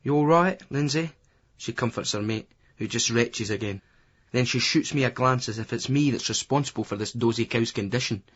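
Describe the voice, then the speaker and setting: A Scottish man reads a first-person novel in a blunt, crude, offhand voice at a middling pitch. The recording is dull and lo-fi. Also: fairly even intonation, brisk, fairly bright tone, breathy edge. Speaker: audiobook narrator.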